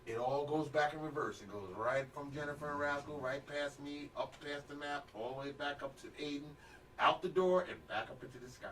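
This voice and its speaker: A man's voice: fairly high pitch, brisk, fairly bright tone. A man co-hosting a live painting class from a home studio, upbeat as he reads out viewer comments and agrees a lot. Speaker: co-host reading viewer comments. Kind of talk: live stream chat. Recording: distant mic with faint background noise.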